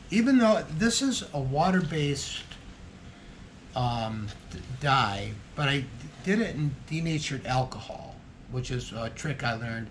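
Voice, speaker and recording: Slow, hesitant man in a workshop. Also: a little high, fairly bright tone, a little hiss or hum. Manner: hesitant, thinking aloud with many ums and restarts. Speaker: hobby guitar builder and channel host. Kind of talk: casual workshop vlog narration.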